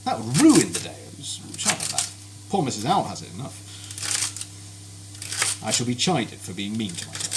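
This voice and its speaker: A man with a fairly low voice and huge pitch swings, speaking at normal speed with long pauses, cheerfully and politely chats while cooking on a live stream at home in his kitchen. He greets viewers by name as kitchen noise and frying sizzle behind him.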